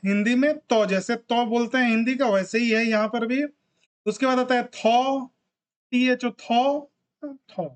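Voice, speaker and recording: Patient teacher drilling letter sounds. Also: medium pitch. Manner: drills sounds one by one with frequent check-ins. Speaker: language teacher. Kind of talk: classroom lesson.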